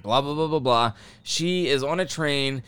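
A man's voice: mid-range voice, unhurried, a bit bright, clean tone, no echo. A young man hosting a podcast, telling a case in a laid-back, profane, casual way with many fillers. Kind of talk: casual storytelling chat.

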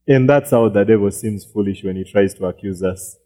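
A man's voice: lowish voice, brisk, dark tone. A man preaching a sermon as pastor, repeating words, often checking "you get it?" and acting out quoted voices.

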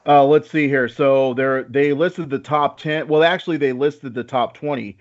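A man's voice: mid-range voice, fairly even intonation, moderate pace. A man hosting a talk show, addressing listeners directly like an announcer. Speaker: podcast host. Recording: slightly dull, lo-fi podcast audio.

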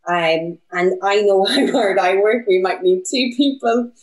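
A woman's voice: mid-range voice, unhurried. A young woman from Donegal with a west of Ireland accent, chatting casually and candidly as she answers questions in an interview. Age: young adult. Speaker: small business owner in film production.

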